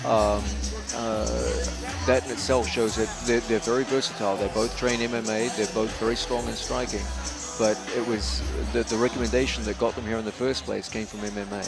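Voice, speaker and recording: A man's voice: lowish voice, level tone, a little fast. A man giving analytical live sports commentary as part of a fight broadcast team. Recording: loud music and crowd behind voice. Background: loud music and crowd.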